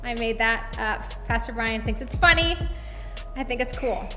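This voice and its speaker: A woman's voice: a little high, unhurried, sharp tone. A woman hosting a children's church segment, casually presenting prizes to viewers in a reverberant space. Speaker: children's church host, toy reviewer. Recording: long hall reverb, faint music.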